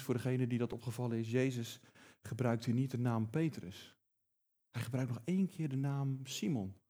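A man's voice: medium pitch, warm tone. A man preaching a sermon, emphatic and often repeating words as he builds his points.

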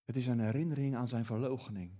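A man's voice: medium pitch, steady tone, fast, mellow. A man preaching a sermon, emphatic and often repeating words as he builds his points.

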